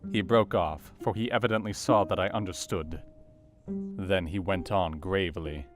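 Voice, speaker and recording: An actor playing an earnest, educated Victorian doctor, narrating his diary in a measured, formal way for an audio drama. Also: low voice, fairly even intonation, natural voice. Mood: sober, reflective. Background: soft guitar music.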